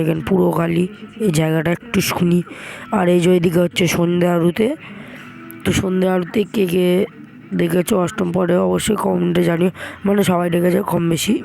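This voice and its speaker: A hoarse young man, chatting casually to viewers as he vlogs and calls them brother. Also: high-pitched, darkish tone, low-quality recording. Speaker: vlogger. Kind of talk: casual vlog narration.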